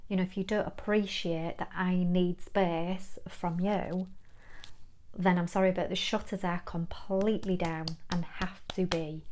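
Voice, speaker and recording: A woman gives an earnest, reflective spiritual talk. She speaks as a kinesiology teacher and guide, warm in intent, with the odd soft laugh. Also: lowish voice, fairly even intonation, unhurried, slight background noise.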